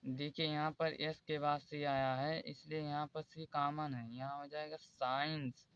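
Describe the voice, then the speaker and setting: Guy teaching spelling rules real slow, bright clear voice, says examples over n over, kinda dull lo-fi sound. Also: fairly high pitch, little pitch movement, no room sound. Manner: slow and repetitive, pointing at examples. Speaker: English teacher. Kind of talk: explaining spelling rules in Hindi.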